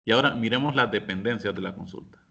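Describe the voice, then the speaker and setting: A man teaching a software class, explaining each step patiently and speaking directly to his students. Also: on the low side, fast talker, gravelly, muffled recording. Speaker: instructor. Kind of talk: screen-share software lesson.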